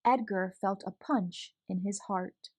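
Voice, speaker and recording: In a mid-range voice and at a slow pace, a woman reads aloud from a picture book for children, giving it an animated, expressive storytelling flair.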